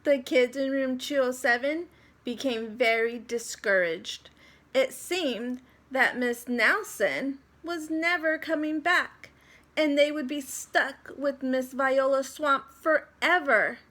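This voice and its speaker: A woman with a high voice narrates a picture book for children. Her delivery is very slow and deliberate, setting phrases apart expressively. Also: a bit bright. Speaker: storybook reader for children. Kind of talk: expressive scripted story narration.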